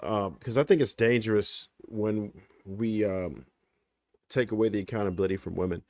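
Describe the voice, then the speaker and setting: A man giving his opinion on a livestream panel, measured, checking in with "right?" as he goes. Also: on the low side, darkish tone, no echo, studio quality. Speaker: panel guest.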